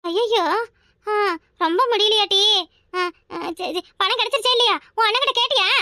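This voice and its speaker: A woman's voice: very high-pitched, fairly quick, sharp tone, dry recording, clean studio sound. A woman voicing a bossy but generous older mother-in-law in a cartoon, scolding and giving orders. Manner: scolding, commanding. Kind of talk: cartoon voice acting.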